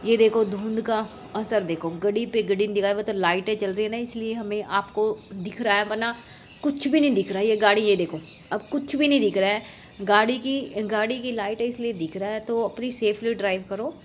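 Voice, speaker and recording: A woman's voice: mid-range voice, steady tone, moderate pace. A woman in her thirties narrating her family's day in a chatty, casual vlog. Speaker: family vlogger. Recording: faint background noise.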